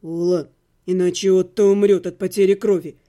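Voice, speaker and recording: A patient male necromancer speaks in a steady, soothing voice, pitched well below the reader's own, as a woman puts him on. His tone is mellow and unhurried, meant to calm. It is a storybook reading. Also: lightly acted. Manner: even, soothing, low. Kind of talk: audiobook character voice.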